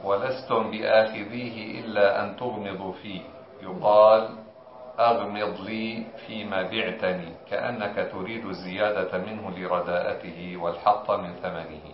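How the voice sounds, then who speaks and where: A man reading a classical commentary text aloud in a measured, formal recitation. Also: lowish voice, fairly even intonation, a little hiss or hum. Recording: echoey dull lo-fi room.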